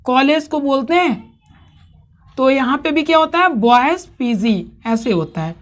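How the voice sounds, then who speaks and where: A woman's voice: sits high, lively intonation, a little slow, dull audio. A woman teaching a grammar lesson to a class, asking questions and checking understanding often.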